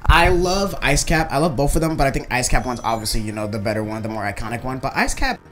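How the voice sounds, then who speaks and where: A video creator reviewing a game offers casual, gushing commentary that is enthusiastic, emphatic, and rambling. The mid-range voice is expressive, fast, and a bit bright, with game music in the background.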